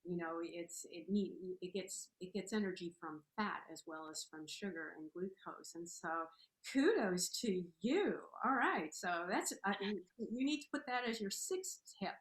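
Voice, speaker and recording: A woman's voice: mid-range voice, lively intonation, measured pace. A woman hosting an interview in an effusive, encouraging, conversational way, recorded with a roomy echo. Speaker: interview host. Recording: roomy, echoing sound.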